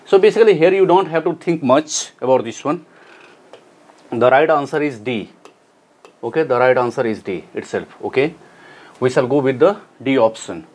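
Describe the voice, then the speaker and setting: A man, an English teacher going through exam answers and repeating key words slowly for students. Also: medium pitch, lively intonation, a little mellow. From Nepal. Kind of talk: exam solution lesson.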